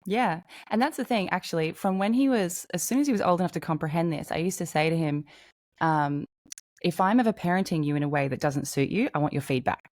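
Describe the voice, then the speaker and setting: A woman's voice: on the low side, darkish tone, dry recording. A woman, co-hosting a casual chat and speaking frankly with casual swearing. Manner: frank, swears casually, talks through stories in quick bursts. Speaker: podcast co-host.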